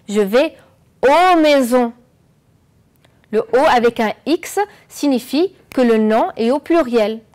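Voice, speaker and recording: A woman teaching French on an educational channel, explaining slowly and clearly and asking the viewers questions. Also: on the high side, a little mellow. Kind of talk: televised classroom lesson.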